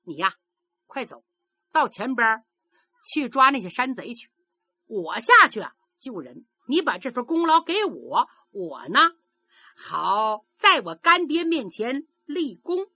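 A woman's voice: a little high, big pitch swings, slow, pushed and bright, lo-fi sound, full character voice. A woman voicing a cocky, boastful young boy fighter who brags eagerly. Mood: scheming. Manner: brash, eager, bragging.

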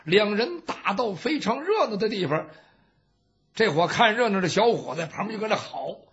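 A man telling a traditional story in a lively, dramatic, colloquial way. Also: high-pitched, moderate pace, husky. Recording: dull lo-fi recording.

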